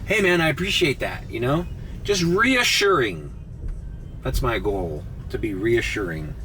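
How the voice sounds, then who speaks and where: A young rideshare driver tells stories in his car early in the morning for a casual driving vlog, sounding groggy, swearing freely, and storytelling with animation. His voice is medium-pitched and measured. The low-quality recording has a little hiss or hum.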